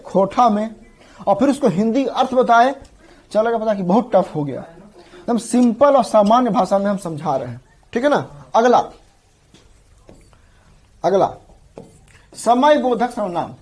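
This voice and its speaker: Husky male teacher drilling terms. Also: high-pitched, darkish tone. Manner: repeats terms drill-style, often checks in with the class. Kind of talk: exam-prep grammar lecture.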